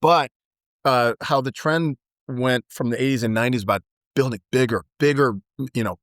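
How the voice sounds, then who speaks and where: A middle-aged man, a business owner and author appearing as a podcast guest, reflects and tells stories in a warm, earnest, conversational way. His voice is mid-range at normal speed, recorded with clean studio sound and no room sound.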